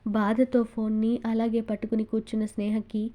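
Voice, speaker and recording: Woman narrator for an audiobook novel, steady, dark mellow tone, slightly high. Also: moderate pace.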